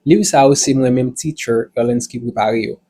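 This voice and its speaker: A man with a Haitian accent, an English teacher slowly repeating words in a pronunciation lesson and promoting his books. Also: medium pitch, fairly even intonation, mellow. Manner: drills words by repeating them slowly, mixing French and Creole.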